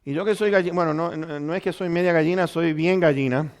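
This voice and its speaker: A man's voice: on the high side, a little fast, smooth. A man preaching a sermon, telling a personal testimony with many restarts and fillers. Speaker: pastor.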